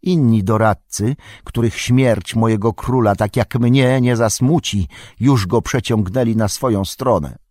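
A treacherous royal counsellor who fawns and begs, his voice pushed noticeably higher and whining, as a man voices him. The husky, breathy edge stays on every plea. It is a storybook reading, closely recorded with a dry sound. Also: measured pace, hardly any pauses, darkish tone, no room sound. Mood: sly, pleading. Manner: pleading, servile, whining. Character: cringing, wheedling male royal counsellor, treacherous.

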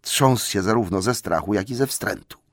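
A man narrating a storybook with a lively, expressive delivery. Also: lowish voice, moderate pace, no echo, clean studio sound. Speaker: audiobook narrator.

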